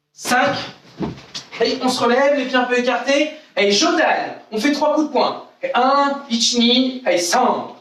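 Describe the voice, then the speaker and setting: Male karate instructor leading children through drills, high voice, heard from off-mic in a very echoey room with faint noise. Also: fairly bright tone, far from the mic. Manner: counts out exercises, repeats "d'accord?". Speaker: karate teacher. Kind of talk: online kids' karate class.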